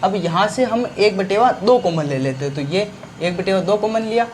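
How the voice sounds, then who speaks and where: A man's voice: sits high, normal speed, slight background noise. A male maths teacher explains a school algebra problem step by step, asking questions and answering them himself. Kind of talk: blackboard maths lesson.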